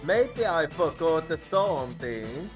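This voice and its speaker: A man's voice: on the high side, very animated, takes it slowly. A man streaming a game, thinking aloud and musing to himself as he plays. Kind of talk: casual gameplay commentary. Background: game music.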